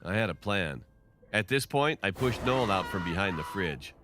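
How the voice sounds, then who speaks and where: Low-voiced man narrating a story. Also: lively intonation, normal speed, a bit bright, a little hiss or hum. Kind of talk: scripted first-person narration.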